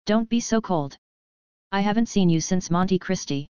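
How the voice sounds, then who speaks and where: A woman's voice: mid-range voice, animated, moderate pace, warm tone, clear, resonant tone, dry recording, dull audio, lightly acted. A woman doing a jovial hulking mercenary. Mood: breezy menace. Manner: jokey, overfamiliar, menacing charm. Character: big boisterous jovial male mercenary.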